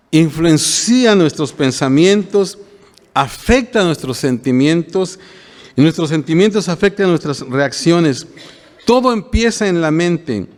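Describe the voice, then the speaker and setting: In a large hall, a high-pitched older male pastor gives a plain-spoken, homely sermon to his congregation. He keeps the tone conversational and often asks them "¿verdad?".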